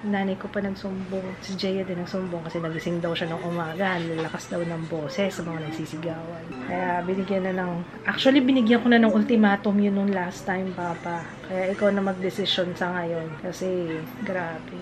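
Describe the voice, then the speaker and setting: A woman's voice: on the low side, steady tone, moderate pace, crowd noise, rough recording. A woman vlogger talking candidly to her viewers at home in a casual, confiding way. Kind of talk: casual chat to camera.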